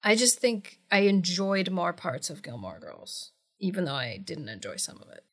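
A woman co-hosting a podcast in casual chat, animated and teasing, laughing often. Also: on the low side, normal speed. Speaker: podcast co-host.

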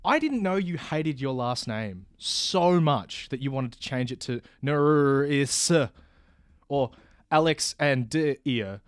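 A man's voice: mid-range voice, very animated, no room sound, clean studio sound. A man making sardonic arguments in a mock debate. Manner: sardonic, quick comebacks.

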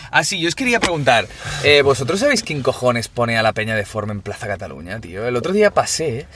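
A man's voice: medium pitch, big pitch swings, quick pace, fairly bright tone, a little hiss or hum. A young man, chatting casually and rambling on his show, dropping slang throughout. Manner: rambling, slangy, says "tío" constantly. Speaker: podcast co-host. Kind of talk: casual chat.

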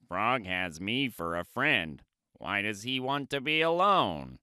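A man voicing an anxious, devoted male toad, speaking low, soft and fretful. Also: very animated, slow, clean tone, dry recording, studio quality, heavily acted. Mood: worried.

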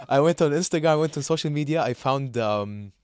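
Here a young man from Saudi Arabia, his fairly high voice expressive, darkish, and clean, co-hosts a podcast at a moderate pace. The chat is loose and casual, full of laughter, fillers, and false starts as he rambles along.

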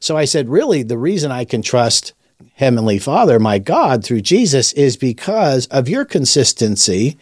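A man's voice: mid-range voice, very animated, normal speed, no echo. Guy on a podcast telling a story about his dad, lots of uhs and restarts, dead dry sound. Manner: rambling, with many restarts and fillers. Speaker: podcast host and rabbi. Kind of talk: conversational storytelling testimony.

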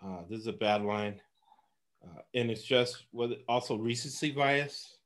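A man's voice: mid-range voice, unhurried, a bit bright. A man from Los Angeles giving casual sports betting picks, rambling and laughing often.

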